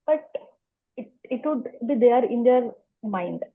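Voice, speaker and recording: A woman's voice: a little high, lively intonation, takes it slowly, narrow, tinny audio. A woman who stammers, repeating words and sounds as she answers interview questions. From India. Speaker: interview guest. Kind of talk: conversational interview.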